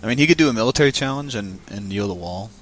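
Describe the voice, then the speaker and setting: A man's voice: lowish voice, expressive, very fast. A man giving casual, chatty commentary on a card game match, thinking aloud as he goes.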